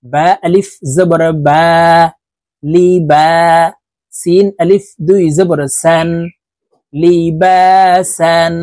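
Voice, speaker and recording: Male recitation teacher, slow and patient, syllable-by-syllable drills, dry close mic. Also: on the high side, dark tone, no echo. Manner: spells syllables then draws out whole words. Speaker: Quran reading teacher. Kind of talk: slow spelled-out recitation lesson.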